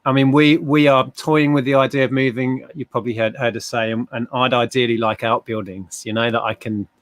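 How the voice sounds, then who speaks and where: British guy hosting a casual livestream, mid pitch, no room echo. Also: steady tone, brisk. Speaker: host. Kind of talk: casual live-stream chat.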